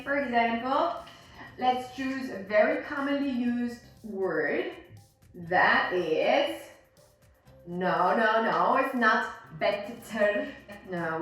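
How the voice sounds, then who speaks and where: A woman teaching pronunciation as an instructor, demonstrating words and sounds and often checking that the learner follows. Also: high-pitched. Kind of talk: instructional lesson on American English sounds. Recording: very roomy echo, distant mic, faint music.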